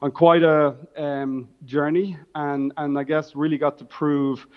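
A man's voice: a little high, little pitch movement, unhurried. A man with a Dublin accent answers interview questions as a startup founder. His intonation stays very level as he explains things in business jargon. The sound is slightly muffled and band-limited. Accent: Dublin Irish. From Dublin, Ireland.

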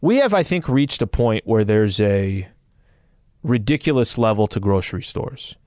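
A man's voice: on the low side, expressive, normal speed, a little mellow, no room sound, studio quality. A man with an American accent, a radio co-host telling stories casually, repeating phrases and throwing out rhetorical questions for emphasis. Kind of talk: casual animated storytelling.

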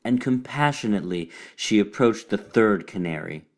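Male reader for a fable, lowish voice, measured and deliberate. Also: expressive. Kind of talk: storybook narration.

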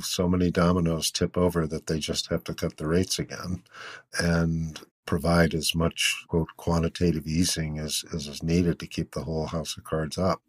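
Deep-voiced male podcast host. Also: slightly rough. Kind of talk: interview conversation.

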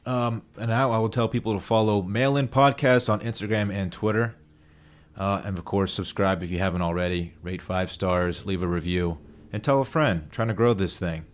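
A man with a lowish voice, speaking at normal speed, hosts a casual podcast. He tells stories as an animated storyteller, full of eager, jokey energy.

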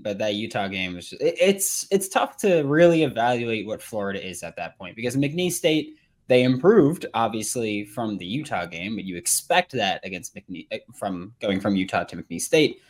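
A man's voice: medium pitch, big pitch swings, moderate pace. A man giving casual, emphatic sports commentary as a podcast panelist.

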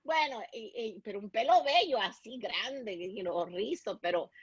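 A woman with a Puerto Rican Spanish accent tells her story as a podcast guest, stopping and restarting often and dropping in English words. Her voice is a little husky. The sound is dry and slightly dull. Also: medium pitch, lively intonation, no room sound. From Dominican Republic, raised in Puerto Rico. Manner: halting, many restarts, slips into English words. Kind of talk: personal storytelling in a podcast interview.

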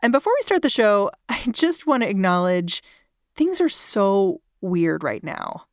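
A woman's voice: medium pitch, big pitch swings, a little slow, dry recording. A woman hosting a podcast in a conversational but scripted way, recorded close in a small closet at home. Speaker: podcast host.

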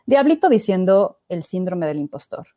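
A woman's voice: on the low side, moderate pace, dry recording, studio quality. A woman in her thirties with a Mexican accent, telling her story as a podcast guest. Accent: Mexican Spanish. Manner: expressive storyteller, acts out quoted voices. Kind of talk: casual conversational interview.

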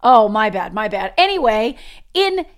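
Teasing, higher-voiced woman co-host. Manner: quick to laugh, teasing. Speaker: podcast co-host. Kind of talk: casual sports chat.

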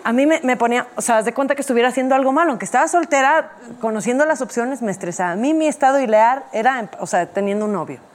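A woman with a fairly high voice talks fast and earnestly, confiding personal stories on a casual panel show. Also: animated. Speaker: co-host.

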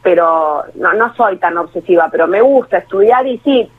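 A woman's voice: fairly low pitch, expressive, normal speed, husky. A woman with a Rioplatense Spanish accent, a guest talking casually and self-deprecatingly in a radio interview, with many restarts. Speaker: guest, actress and singer. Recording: tinny phone line.

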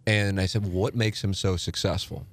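A man's voice: deep voice, steady tone, normal speed. A man hosting a casual interview podcast, asking questions and reacting with enthusiastic exclamations. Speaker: podcast host.

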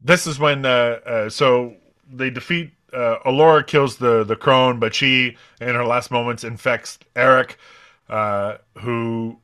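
A man's voice: medium pitch, steady tone, a little slow, bright, forceful tone, clear, resonant tone. A man on a casual podcast, recapping a TV episode in a rambling way with lots of uhs and restarts. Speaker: podcast panelist recapping a show.

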